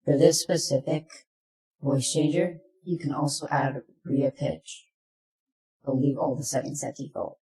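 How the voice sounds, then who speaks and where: In an echoey room, a presenter walks through a software tutorial with plain, step-by-step instructions. The voice is mid-range and steady, moving a little slowly.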